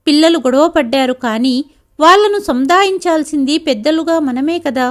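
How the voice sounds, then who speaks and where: A woman reading the lines of a calm, conciliatory older father-in-law in a spoken family story, firm and reasoning. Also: high voice, moderate pace. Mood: earnest.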